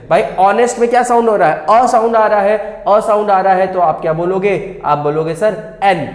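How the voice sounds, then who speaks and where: Man, grammar teacher, explains step by step, repeats words, high voice, roomy echo. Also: darkish tone. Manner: explains step by step, repeats words, asks and answers his own questions. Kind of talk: classroom grammar lesson. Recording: echoey room with long reverb.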